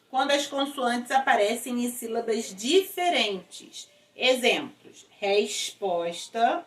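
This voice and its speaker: A woman's voice: a little high, far from the mic. A woman teacher, patiently explaining a worksheet and spelling out letters and syllables one by one. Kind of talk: recorded school lesson. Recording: echoey room, voice away from mic.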